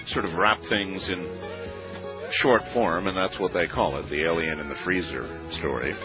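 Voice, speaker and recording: A man hosting a late-night call-in radio show with a smooth radio-host delivery, relaxed and conversational, pausing on "uh" now and then. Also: sits low. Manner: relaxed, conversational, with frequent "uh" pauses. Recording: muffled radio broadcast with faint music.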